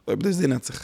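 A man giving a spoken religious lecture as a teacher, halting and searching for words, often dropping in English terms. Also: high voice, vocal fry, pushed and bright, husky.

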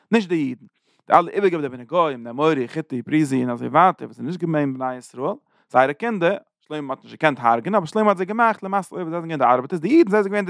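Fast-talking gravelly male Torah teacher. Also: a little high, no room sound, clean studio sound. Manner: rapid, animated explaining with Hebrew terms. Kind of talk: Yiddish-inflected Torah lesson.

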